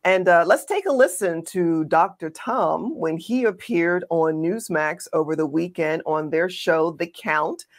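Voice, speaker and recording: A woman co-host delivers pointed political commentary in a somewhat low voice. She is emphatic and sarcastic, and she speaks straight to her viewers. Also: unhurried, hardly any pauses. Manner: emphatic, sarcastic, addresses the audience directly.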